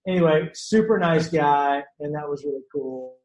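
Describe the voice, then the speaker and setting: A man from around Shreveport, Louisiana, appears as a podcast guest, telling casual stories in a slightly high voice at normal speed. He's an animated storyteller, full of fillers and restarts, and the recording has a roomy echo.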